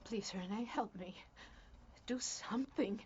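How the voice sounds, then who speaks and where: A woman plays a frightened mother pleading for help to find her missing daughter. Her voice sits fairly high, and she sounds anxious throughout. The dubbed film sound is dull and lo-fi, with a faint hiss. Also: a little fast, lightly acted.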